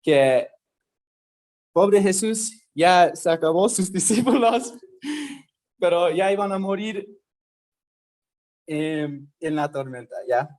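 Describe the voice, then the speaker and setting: Guy teaching a bible lesson, kinda high voice, takes his time, keeps asking the kids if they follow. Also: lively intonation, darkish tone. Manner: slow, conversational, checks in with listeners often.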